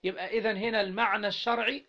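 Speaking very fast in a high, steady, bright and forceful voice, a man with an Egyptian Arabic accent reads and explains a text during a classroom lesson on Islamic jurisprudence. He keeps throwing questions at his students and has them fill in words. It's a dull lo-fi recording.

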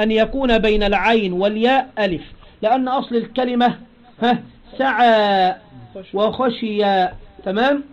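A man's voice: high voice, dull audio. A man with an Egyptian Arabic accent teaching a grammar lesson, explaining step by step and quizzing his listeners with prompting questions.

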